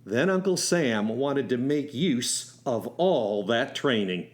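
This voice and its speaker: A man voices a young soldier and driving instructor telling how he fell in love, a nostalgic, wry, folksy first-person radio story with acted-out dialogue. He speaks slowly in an expressive, mid-range voice.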